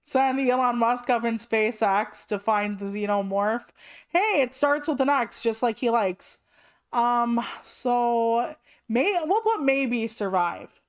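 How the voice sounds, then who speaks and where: A woman's voice: fairly high pitch, lively intonation, slow pace, clear, resonant tone. A woman in her late thirties chatting casually on a live stream, rambling through asides and swearing freely. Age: 30s. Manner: rambling asides with many "like" fillers.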